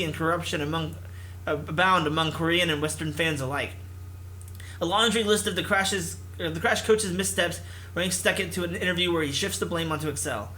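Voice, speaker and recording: Hosting a visual novel playthrough, this man speaks in a fairly high, sharp-toned voice over poor-quality audio. He reads the game's text and chats casually about it, hamming it up with jokes and character voices.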